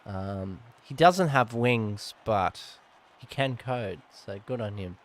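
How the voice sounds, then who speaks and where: A man's voice: on the low side, slow. A man giving casual, rambling live commentary on a sim race, often correcting himself.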